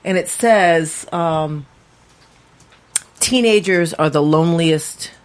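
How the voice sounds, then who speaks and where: A woman co-hosting a casual studio podcast, chatty and excitable, rambling from topic to topic. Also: on the low side, takes it slowly. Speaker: podcast co-host. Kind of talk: casual chat. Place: small studio.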